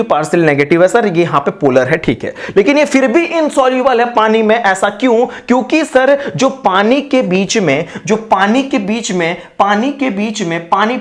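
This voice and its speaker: Hurried Indian male chemistry teacher. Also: high voice. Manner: talks through questions in a student's voice, asking and answering himself; rushed, repetitive explaining with informal asides. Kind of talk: online exam-prep lesson.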